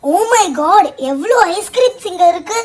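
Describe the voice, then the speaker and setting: A woman's voice: very high voice, lively intonation, a little slow. A woman voicing a cheerful, generous young girl in a doll-play story, bubbly and chatty.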